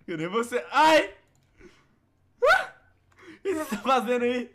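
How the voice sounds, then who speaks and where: This is a young man with a Brazilian Portuguese accent, excitedly commentating as he plays a game with a friend. His voice sits high and bright and leaps around in pitch, often tipping into shrieking laughter. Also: unhurried. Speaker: gaming video host.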